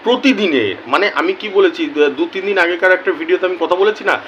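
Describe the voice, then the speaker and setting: Youtuber guy talking slow to his viewers, kinda high voice, repeats stuff, bit of faint noise. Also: lively intonation, fairly bright tone, highs cut off. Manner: slow and deliberate, repeats key words for emphasis. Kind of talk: earnest casual talk to camera.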